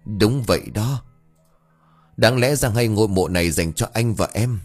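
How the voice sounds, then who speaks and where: A man voicing a grieving, furious older village man who shouts curses and mocks bitterly. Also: on the low side, measured pace, husky, faint music behind. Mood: bitter mocking.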